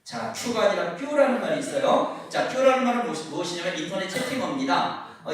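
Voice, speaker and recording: A high-voiced man in his fifties speaks to a crowd of parents at a church seminar. He talks with bright, playful energy and keeps breaking into children's greetings. His voice rings through a big echoing hall and reaches the mic from some distance. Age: 50s. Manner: lively, plays out kids' voices and greetings. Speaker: teacher and pastor. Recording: echoey hall from far off.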